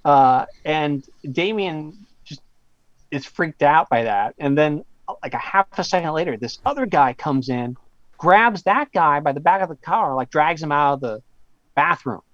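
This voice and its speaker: Rambling storyteller man with a higher voice. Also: expressive, a little slow, a bit bright, no echo. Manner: rambling, with many fillers and stammered restarts. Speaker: guest author; professor. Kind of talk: casual storytelling in a podcast interview. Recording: slightly dull lo-fi audio.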